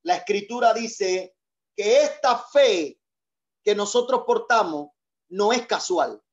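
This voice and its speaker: A man's voice: high-pitched, lively intonation, slow, muffled recording. A male pastor preaching a sermon, leading call-and-response and repeating key phrases for emphasis.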